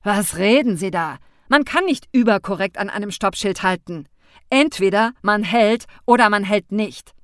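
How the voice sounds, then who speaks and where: Irate young male driver, curt and loud, read by a woman narrator, dry booth sound. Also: mid-range voice, expressive, normal speed, no room sound, lightly acted. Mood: angry. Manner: loud, indignant, clipped. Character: angry tall young man, curt, shouting driver.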